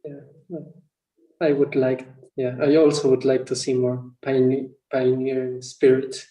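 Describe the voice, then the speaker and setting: A man's voice: medium pitch, little pitch movement, unhurried, warm tone. A man from Mexico speaking as a panelist, plain and searching for words. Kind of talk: panel discussion. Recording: roomy, distant mic.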